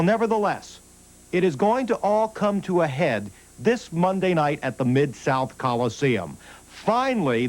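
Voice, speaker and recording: Scornful man cutting a wrestling promo. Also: on the high side. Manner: scornful, insulting, boastful. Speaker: ring announcer.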